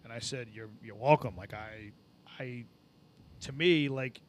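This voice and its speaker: A man telling stories in a casual podcast chat, animated and swearing often, acting out what other people said. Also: mid-range voice, unhurried, a little hiss or hum. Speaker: podcast co-host.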